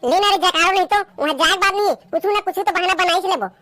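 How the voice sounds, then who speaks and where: A woman's voice: very high-pitched, pushed and bright, soft background music. A woman voicing a lazy young village man from a comic skit, grumbling and making excuses in a Chhattisgarhi accent. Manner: whiny, grumbling, quick to complain.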